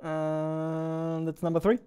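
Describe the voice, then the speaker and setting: A man's voice: fairly high pitch, monotone, slow, mellow. A young man with a German accent, chatting casually in a game development vlog. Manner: chatty, self-deprecating, laughs often.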